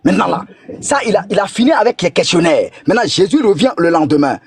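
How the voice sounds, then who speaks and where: A man's voice: sits high, lively intonation, fast talker, vocal fry, slightly rough, no echo, clean studio sound. A man in a religious debate who reads scripture aloud and insists on his point with pressing questions.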